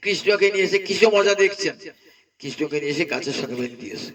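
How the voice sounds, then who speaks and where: A man, preaching an animated storytelling sermon. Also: a little high, quick pace, far from the mic, rough recording. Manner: animated, acts out voices. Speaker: Vaishnava preacher.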